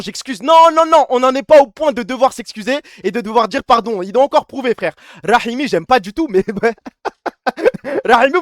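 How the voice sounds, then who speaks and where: A young man streaming live, talking in quick bursts of crude slang with a high voice. The sound is dry and close to the mic, with no room around it. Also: dry recording. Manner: fast, slangy, crude, laughs often. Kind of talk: casual live-stream chat.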